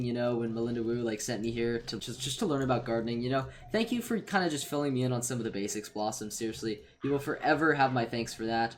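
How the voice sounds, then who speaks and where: A man giving a casual, rambling game-ranking commentary, full of fillers and swearing, in a playful tone. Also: a little high. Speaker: gaming YouTuber.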